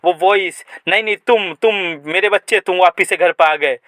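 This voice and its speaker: A man voicing a middle-aged mother who fusses over her son, high and emotional. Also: moderate pace, pushed and bright, dry recording. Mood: fussing. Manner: worried, fussy, emotional.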